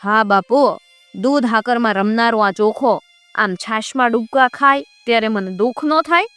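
A woman's voice: on the high side, moderate pace, a bit bright, clean tone, dry recording, faint music behind, natural voice. A woman voicing a clever male wandering bard in a folk tale, speaking in an emphatic, pleading way. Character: clever wandering bard, man, flattering and sly.

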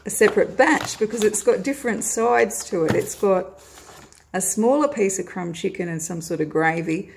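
In a noisy background, a middle-aged Australian woman casually vlogs a grocery haul at home, phone held above the table of groceries. Her mid-range voice is animated and creaky at a moderate pace. She keeps it friendly and chatty, with lots of "uh."

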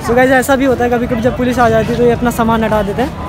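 A man's voice: very high-pitched, level tone, fast. A young man talking straight to his viewers in a casual vlog, filmed on a phone held at arm's length at an outdoor street market. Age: young adult. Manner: chatty, addresses viewers directly. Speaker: vlogger. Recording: loud crowd and music around.

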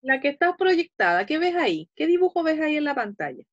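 A Chilean woman teaching first graders in an online class, explaining patiently and slowly to small children. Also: sits high, very animated. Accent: Chilean Spanish. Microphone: video call. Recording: dull lo-fi video call audio.

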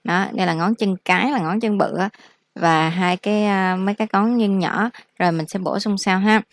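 A woman teaching English vocabulary in a casual lesson, explaining slowly and repeating each word for practice. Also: medium pitch, no room sound, studio quality.

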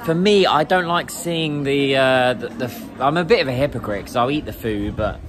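A man's voice: mid-range voice, normal speed. Chatty Englishman vlogging in a noisy market. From England. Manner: chatty, rambling, laughs often. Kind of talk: casual walking vlog. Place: busy indoor food market. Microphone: phone at arm's length. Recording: noisy crowded market ambience. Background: crowd chatter and market noise.

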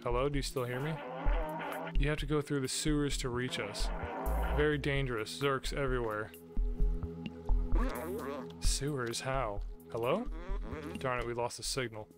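A man's voice: medium pitch, steady tone, moderate pace, long pauses, music in the background. A man hosting a gaming video, reading the game's dialogue aloud as he plays. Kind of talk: reading game dialogue aloud during let's play.

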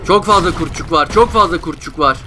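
A man's voice: a little high, brisk, bright, forceful tone, faint music behind. A young man giving frustrated gameplay commentary, groaning and repeating himself. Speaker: gameplay streamer.

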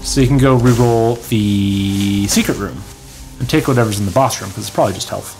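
A man co-hosting a let's play, teasing his friend with joking, animated banter. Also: lowish voice, brisk, soft background music. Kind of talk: casual gameplay banter.

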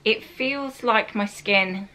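A woman's voice: mid-range voice, slow, sharp tone, poor audio. A woman in her forties from England, a fashion vlogger chatting enthusiastically to camera in a bedroom. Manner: chatty and enthusiastic, fond of "really, really". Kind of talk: casual chat to camera. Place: bedroom set, indoors.

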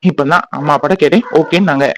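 A man's voice: a little high, fast, a bit bright, a little hiss or hum, lightly acted. A man voicing a playful young husband in a cartoon who teases and mocks his crying wife. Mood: gentle. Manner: mocking, teasing.

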